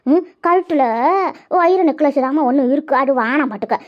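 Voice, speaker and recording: A woman's voice: sits high, lightly acted. Woman voicing a bossy cartoon mother-in-law. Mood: fussing. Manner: brisk, fussing, scolding. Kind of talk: cartoon voice acting. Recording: dull lo-fi audio.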